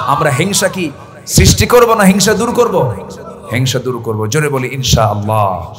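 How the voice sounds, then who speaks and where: A man from Bangladesh preaching a waz sermon, calling out questions and shouting for the crowd to answer back. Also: fairly high pitch, in a large hall. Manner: call-and-response, shouting to the audience.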